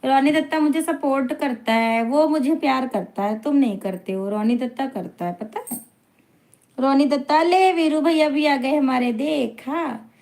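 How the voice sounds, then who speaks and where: High-voiced chatty woman live streamer. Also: darkish tone. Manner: chatty, teasing, laughs often. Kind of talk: live-stream chat, reading viewer comments aloud.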